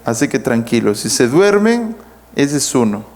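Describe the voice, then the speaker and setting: A man's voice: mid-range voice, sing-song, moderate pace, darkish tone. A man with a Peruvian Spanish accent preaching a sermon to a congregation, emphatic and swinging his voice up and down as he calls out to the room. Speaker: pastor teaching preaching. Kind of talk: sermon teaching.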